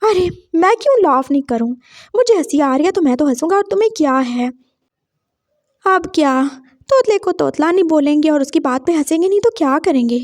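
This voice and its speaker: A woman's voice: sits high, animated, a little fast, dry recording, clean studio sound. A woman doing a taunting cocky college guy. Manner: taunting, teasing. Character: mocking cocky young male college student.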